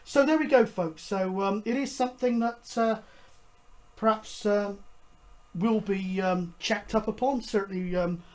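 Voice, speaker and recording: The host of a hobby CB radio show explains things casually, sounding hesitant, rambling and matter-of-fact. The voice is medium-pitched, darkish in tone, and a little slow.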